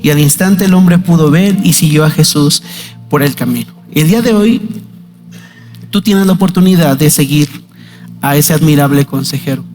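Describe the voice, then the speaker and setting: A man with a Mexican Spanish accent preaching a sermon as pastor, with dramatic swings, loudly acting out voices in the story. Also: on the high side, moderate pace. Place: church hall. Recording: reverberant church hall with faint music.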